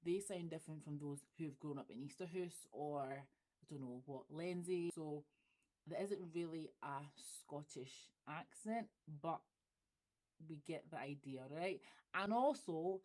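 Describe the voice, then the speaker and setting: A YouTuber with a Glaswegian accent chats casually on her channel in a vlog style, laughing often and playing with example phrases. Her voice is low-pitched, unhurried, and a little mellow.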